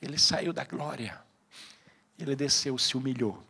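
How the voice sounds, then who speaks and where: A male pastor with a Brazilian Portuguese accent preaching a sermon, swinging between loud emphatic lines and hushed ones. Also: mid-range voice, animated, measured pace, gravelly, breathy edge. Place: church service.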